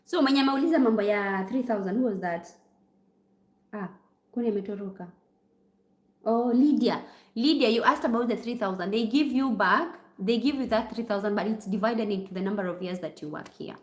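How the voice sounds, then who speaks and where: A woman's voice: mid-range voice, fairly quick. Chatty Kenyan woman on a roomy livestream. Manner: chatty, mixing in Swahili phrases. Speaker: nurse. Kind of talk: livestream chat answering viewer comments. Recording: roomy echo.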